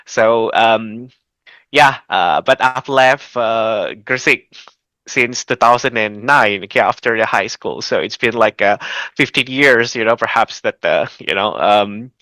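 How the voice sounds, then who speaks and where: A man presents a recorded lecture. His voice is bright and forward, recorded close and dry with no room sound. He talks casually and loosely, with frequent fillers. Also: fairly low pitch, a little slow, dry recording. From Indonesia. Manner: casual, with fillers like "okay" and "you know". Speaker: assistant professor, presenter.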